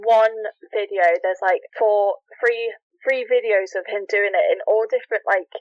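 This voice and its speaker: An animated woman co-hosting a casual podcast, eager to tell her story. Her voice sits at an ordinary middle pitch. The recording is dull, lo-fi and very dry. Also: moderate pace, no echo. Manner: animated, laughs often. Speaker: podcast co-host. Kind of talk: casual chat.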